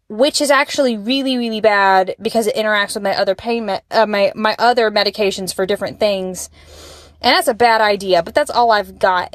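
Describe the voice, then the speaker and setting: A young adult woman from Alabama, United States, leaves a voicemail for a podcast as a listener calling in. Her mid-range voice comes through dry and clean, studio-like, as she candidly and conversationally describes her personal experience.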